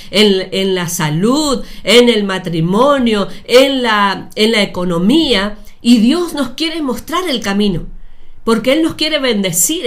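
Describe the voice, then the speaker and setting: A woman preaching a sermon, speaking deliberately with repeated phrases and addressing her listeners directly. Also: mid-range voice.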